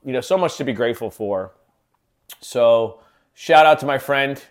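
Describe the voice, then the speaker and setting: A man's voice: mid-range voice, normal speed. A man hosting his own podcast in a casual solo talk, rambling with many fillers and restarts. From living in Kansas City. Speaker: podcast host.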